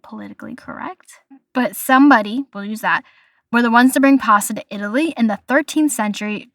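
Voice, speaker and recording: Young American woman hosting a casual podcast, chatty, trips over foreign words; high-ish voice, dry sound. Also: fairly bright tone, no echo. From United States. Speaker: podcast host. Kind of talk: casual solo podcast, listing food facts.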